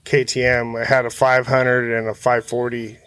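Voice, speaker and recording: In a casual backyard interview, a man who rides motorcycle hill climbs shares racing stories, his manner laid-back, slangy and hesitant. He speaks at a moderate pace in a medium-pitched, level voice that's a bit bright and clean in tone, with no room sound.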